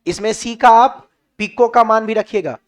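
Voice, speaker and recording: Male physics tutor with a Bihari accent and a very high voice, quizzing students out loud. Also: moderate pace. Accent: Bihari Hindi. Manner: questions the class and answers himself, drills points. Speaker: physics teacher. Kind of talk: classroom lecture.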